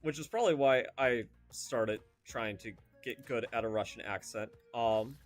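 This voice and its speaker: A man's voice: medium pitch, normal speed, faint music behind. A young man streaming a video game, chatting casually and rambling off into tangents with lots of fillers. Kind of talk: casual gameplay commentary.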